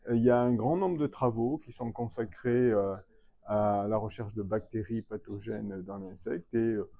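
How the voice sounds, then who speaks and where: A man's voice: on the low side, steady tone, normal speed, dark tone. A man, a veterinary public health professor, explaining his field in an interview with many hesitations and fillers, recorded with dull lo-fi sound. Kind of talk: expert interview answer. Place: trade fair hall.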